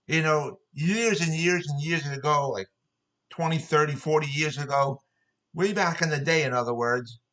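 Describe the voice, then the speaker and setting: A man's voice: a little high, sharp tone, rough recording. A man ranting to camera about everyday annoyances, swearing often and telling his stories in an exasperated, repetitive way. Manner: profane, exasperated, repetitive storytelling. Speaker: vlogger. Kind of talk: angry ranting monologue.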